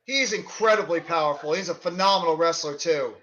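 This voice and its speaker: A man working as a wrestling commentator, calling live play-by-play in an excited, exclaiming manner over a stream. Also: on the high side, a little fast. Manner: excited, exclaiming, shouting at big moves. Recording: dull lo-fi online stream audio.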